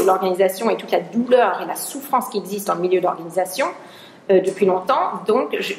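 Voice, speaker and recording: Gravelly-voiced woman lecturing in a roomy hall. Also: medium pitch, slight background noise. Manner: searching for words, frequent restarts. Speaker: researcher giving a lecture. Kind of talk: conference talk.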